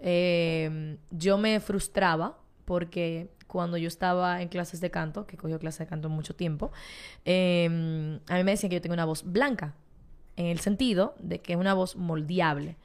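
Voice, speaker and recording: A woman in her twenties with a Dominican accent, her voice on the low side, steady and clean, at a moderate pace. She's a podcast guest explaining things in a chatty, casual way and laughs often.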